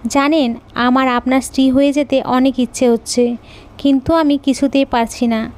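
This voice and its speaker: A woman voicing a frank, curious young bride in an audio story, speaking in a soft, gentle voice. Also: high-pitched, steady tone, normal speed, close to an everyday voice. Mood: earnest.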